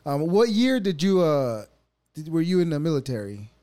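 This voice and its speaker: Halting, upbeat man in his thirties. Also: a little high, sing-song, darkish tone. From El Salvador. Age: 30s. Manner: halting, restarts often, laughs easily. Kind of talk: casual conversation.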